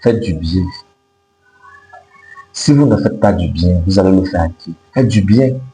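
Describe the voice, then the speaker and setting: Guy with in giving life advice, slow and mellow, echoey room w faint hum. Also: low voice, animated. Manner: emphatic, repetitive, didactic. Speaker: self-help video host. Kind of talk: motivational advice to camera. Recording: roomy echo with faint noise and hum.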